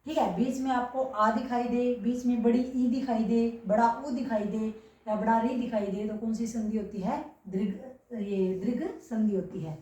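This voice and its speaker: A woman's voice: on the high side, steady tone, moderate pace, warm tone. A woman teaching a grammar lesson, who keeps asking rhetorical questions and checking that her students understand. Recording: echoey room, voice from far off.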